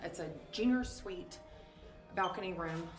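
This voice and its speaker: A woman with a fairly low voice gives a casual walking room tour, pointing things out as she goes. She sounds a little out of breath, and faint music plays behind her. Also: unhurried. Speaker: vlogger giving a room tour.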